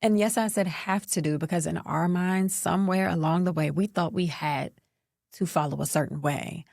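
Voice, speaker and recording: Woman podcast host, thirties, sassy and animated, lower voice, dry close sound. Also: moderate pace, gravelly, no room sound. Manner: animated, sassy, talks straight to listeners as "girl". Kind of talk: personal storytelling podcast.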